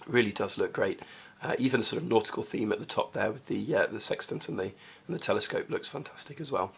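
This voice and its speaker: A man with a hoarse voice from a cold, hosting a casual coin review vlog and talking chattily with many hesitations. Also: fairly low pitch, animated, fast, a bit bright. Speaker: coin collecting channel host.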